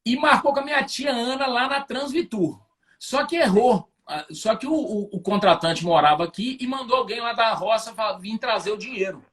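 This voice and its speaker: A Brazilian man with a notably high voice tells his story with animated energy. He is a business owner speaking as a guest on a live-streamed interview, and he keeps the tale moving with a lively, anecdotal flow. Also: moderate pace.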